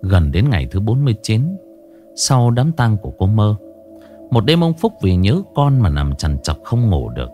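A man narrating a scripted ghost story in a dramatic, expressive reading. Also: on the low side, normal speed, soft background music.

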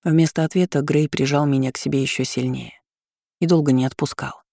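A woman reading a first-person audiobook as scripted narration, her tone rising brightly in the heroine's lines. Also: sits low, steady tone, brisk, creaky, no echo, clean studio sound. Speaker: audiobook reader.

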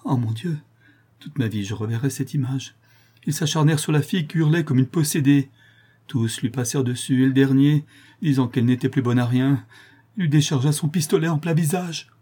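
A man's voice: medium pitch, fairly quick, dark tone, husky, pitched above the performer's own voice, close to an everyday voice. A man reading aloud and voicing a distraught young nun, broken and ashamed, with anguished, pleading speech.

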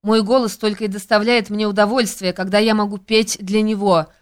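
A woman's voice: medium pitch, little pitch movement, brisk, clean tone, close to an everyday voice. A woman voicing a passionate young woman in love, reading her lines impassioned in an audiobook.

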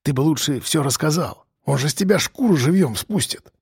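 A man's voice: fairly high pitch, sing-song, moderate pace, vocal fry, darkish tone, husky, dry recording, clean studio sound, heavily acted. A man voicing a scheming, streetwise male convict who talks in slang and presses with questions. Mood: wheedling.

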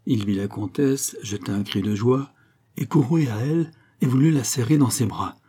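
A man narrating a novel as an audiobook in a measured, dramatic reading. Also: mid-range voice, mellow, breathy edge.

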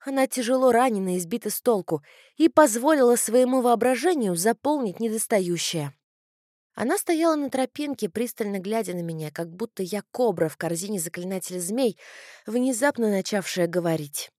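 A woman narrating an audiobook in a measured first-person storytelling manner. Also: medium pitch, lively intonation, mellow, dry recording, clean studio sound. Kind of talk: scripted narration.

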